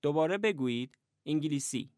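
A man narrating a language lesson, giving measured, even instructions in a scripted way. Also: on the high side, clear, resonant tone, dry recording, clean studio sound.

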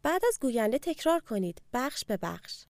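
A woman narrating a language course and clearly prompting the listener to repeat after the speaker. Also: a little high, very animated, darkish tone, no room sound, clean studio sound. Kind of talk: scripted lesson narration.

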